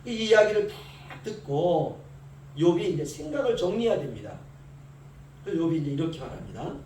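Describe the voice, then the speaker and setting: A man's voice: a little high, very animated, normal speed, darkish tone. A male pastor giving an early-morning sermon, telling stories and acting out the voices of the people in them. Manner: storytelling, acts out quoted voices of servant and master. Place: church sanctuary. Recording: echoey church hall from far off, faint hiss.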